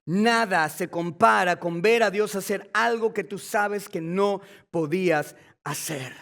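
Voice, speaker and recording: A pastor with an unusually high, gravelly voice preaches with fervor. He moves from quick asides to the congregation into shouted, impassioned peaks. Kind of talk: sermon.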